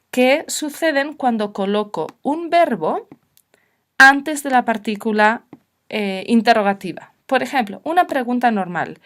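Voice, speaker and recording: Woman teaching grammar, fairly high voice. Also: fairly bright tone. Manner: clear, patient explaining with example sentences. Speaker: Spanish teacher. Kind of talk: recorded grammar lesson.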